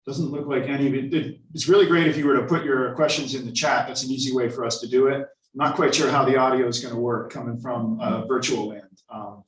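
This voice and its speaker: A man hosting a community meeting informally, with a casual, halting way of talking. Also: medium pitch, fairly even intonation. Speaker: meeting host. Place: indoor hybrid meeting room. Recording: echoey room, far from mic.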